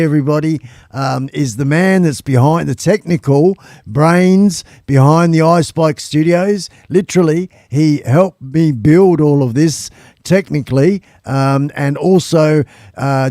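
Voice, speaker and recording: Casting: male stream host, casual, slightly high pitch with noticeable fry, very dry recording. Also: a little slow, warm tone, dry recording. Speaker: live stream show host. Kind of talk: casual live stream chat.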